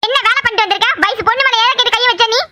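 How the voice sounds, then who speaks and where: A woman voicing a stern, domineering middle-aged mother in an animated cartoon drama, scolding and threatening. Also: extremely high pitch, very fast, faint music behind. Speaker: voice actor.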